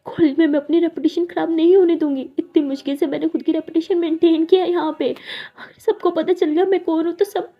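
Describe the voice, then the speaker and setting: A woman's voice: high-pitched, fairly even intonation, a little fast, dull audio. A woman voicing a humiliated young college girl made to serve as a maid, talking in an upset, pleading way. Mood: distressed.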